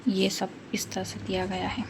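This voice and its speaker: A woman's voice: mid-range voice, flat delivery, normal speed, vocal fry, background noise. A woman giving a casual book review, reading out word lists and checking in with listeners, mixing English words into her Hindi explanations. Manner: reads out word lists and checks in with "theek hai" and "hai na".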